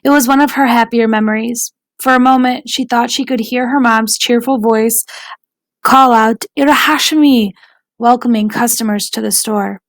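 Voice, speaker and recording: Woman audiobook narrator, slightly high, gravelly texture, measured reading. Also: steady tone, no room sound, poor audio.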